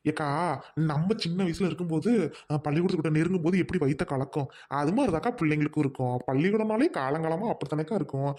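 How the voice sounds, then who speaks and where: A woman plays a bold, defiant village mother in a comedy skit, her voice low. She speaks fast and bluntly. She has a rural Trichy Tamil accent. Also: mellow. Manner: blunt, outspoken, quick-talking.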